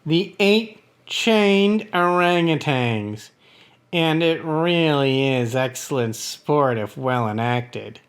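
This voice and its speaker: A woman voicing a crippled male court jester in a gothic tale, outwardly tranquil and quietly cunning, with measured delivery. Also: sits low, lively intonation, voice pushed down. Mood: sly calm. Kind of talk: dramatic gothic story reading.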